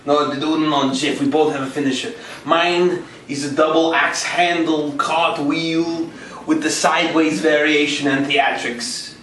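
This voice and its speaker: A man acts out a brash, boastful male wrestler cutting a comedic promo. He is crude and mock-pompous, pitched a little high, in a roomy space away from the mic with some hiss. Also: fairly even intonation, a little slow, hardly any pauses, fairly bright tone. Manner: mock-pompous, theatrical, foul-mouthed. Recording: echoey, distant mic with hiss.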